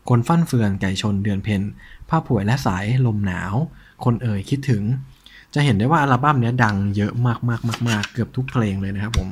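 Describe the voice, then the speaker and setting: A man hosting a collector's show in a casual, informal show-and-tell style, with a slightly husky voice. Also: mid-range voice. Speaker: host of a cassette collection show.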